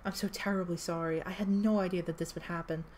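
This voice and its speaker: A woman lends her own lowish voice to a calm, polite leader in a storybook reading. The lines come soft and courteous, barely raised above the narration, with a faint hiss behind them. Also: fast, close to an everyday voice. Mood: apologetic. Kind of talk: amateur fan-fiction read-aloud.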